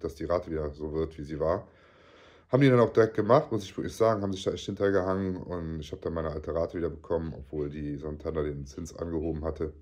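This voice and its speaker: A vlogger in his forties, suffering from a cold, chats excitably into a phone camera held at arm's length, swearing casually as he goes. His voice rumbles low and the recording is dry. He starts in his living room, then moves to a car park and into his car.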